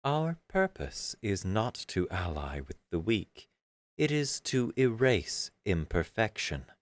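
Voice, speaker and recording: A man's voice: fairly low pitch, very animated, takes it slowly, dry recording, voice pushed up. A man voicing a merciless alien avatar, speaking with precise mechanical coldness in an audiobook story. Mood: cold menace.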